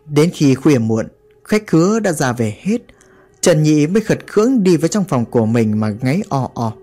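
A man's voice: fairly high pitch, very animated, moderate pace, warm tone. A man narrating a horror story in a dramatic, vivid way.

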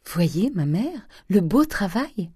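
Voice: medium pitch, big pitch swings, slow, warm tone, slightly rough, dry recording, clean studio sound, pitched above the performer's own voice, exaggerated voice. A reader voicing Eugénie, a shy young provincial woman, in an audiobook with an eager, raised tone.

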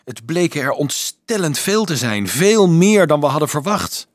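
A man's voice: a little high, big pitch swings, normal speed, dry recording, studio quality, pitched above the performer's own voice. A man voicing a remorseful confessing swindler. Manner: earnest, pleading, guilt-ridden. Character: remorseful middle-aged male swindler confessing. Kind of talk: audiobook character voice.

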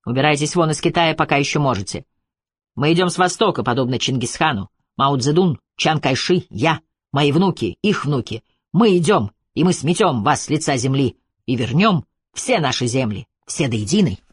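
A man's voice: fairly high pitch, lively intonation, moderate pace, breathy edge, no room sound. A man voicing a furious, taunting Chinese man in an audiobook, spitting out threats. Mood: menacing. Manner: spiteful, shouting threats.

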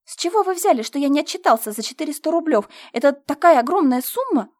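A woman's voice: a little high, brisk, no echo, studio quality, lightly acted. Woman voicing a furious thieving estate manager. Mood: outraged. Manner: loud, indignant shouting. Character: blustering thieving male estate manager, middle-aged.

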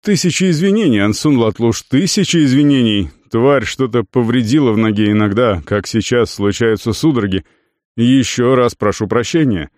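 A man's voice: mid-range voice, moderate pace, a little mellow, no room sound, studio quality, lightly acted. A male reader voicing a wary northern warrior who answers in clipped, guarded replies. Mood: apologetic.

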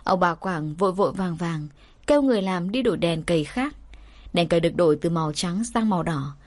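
A woman hosting her own channel, reading a folk ghost story aloud in a calm, measured narration. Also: lowish voice. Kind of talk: scripted audiobook narration.

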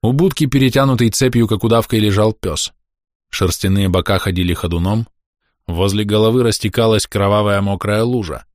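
Low-voiced male audiobook narrator. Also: a little fast, no echo, clean studio sound.

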